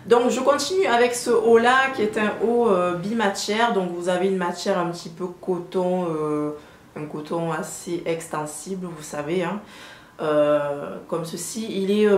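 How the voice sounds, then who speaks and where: A woman talks to her camera in a relaxed haul vlog, chatty and hesitant, pausing often on fillers. She sounds hot and sweaty, and her voice carries a roomy echo, with a faint hum behind her. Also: on the low side. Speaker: fashion vlogger.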